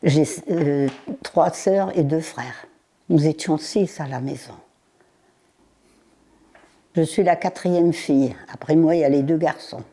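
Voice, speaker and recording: Very old woman with a deep, dark voice. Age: 90s. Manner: halting, with pauses, fillers and repeated words. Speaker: interviewee. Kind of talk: recalling her childhood in an interview.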